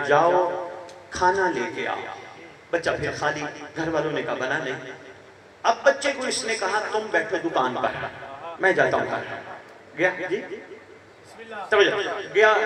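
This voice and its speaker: A man with a Pakistani Punjabi accent preaches at a religious gathering. His fairly high voice swells into loud, emphatic peaks, then drops low as he tells a story. It reaches the listener from far off, with a long hall echo and a large crowd filling the background. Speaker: Shia cleric giving a majlis address. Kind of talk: sermon with storytelling. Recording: echoey PA sound from far off with crowd.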